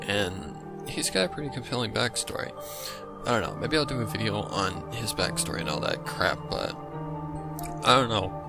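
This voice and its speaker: The host of a reaction channel comments on a video in a casual, informal, rambling way. His voice is on the low side with some vocal fry, and music plays behind him.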